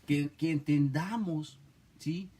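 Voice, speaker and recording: Taking his time, a male preacher with a slightly raised, dark, husky voice delivers a Bible study sermon. Emphatic and repetitive, he speaks in short bursts and ends almost every phrase with a tag question to the listener.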